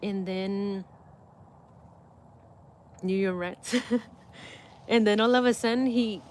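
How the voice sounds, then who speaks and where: A woman's voice: mid-range voice, steady tone, takes it slowly, slight background noise. A middle-aged woman hosting a livestream and telling a story to her viewers in a casual way, laughing often as she goes. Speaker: livestream host.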